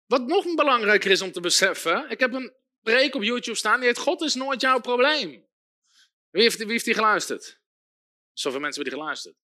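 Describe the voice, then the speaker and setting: A man preaching a sermon in an emphatic, repetitive style, often calling for amens and sometimes shouting. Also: very high voice. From Netherlands.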